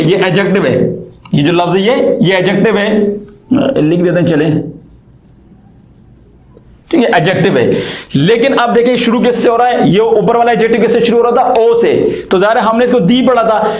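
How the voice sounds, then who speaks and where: A man with a fairly high voice explains English grammar in a patient classroom way. He keeps asking the viewer questions and then answers them himself. The voice sounds roomy and echoey. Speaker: English teacher.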